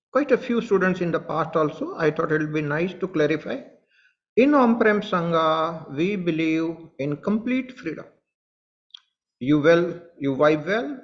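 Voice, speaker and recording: In this satsang for online followers, a spiritual teacher with an Indian English accent speaks earnestly and directly to them, reiterating his points. He sounds high-pitched and animated yet unhurried, leaving long pauses, and the audio is dull.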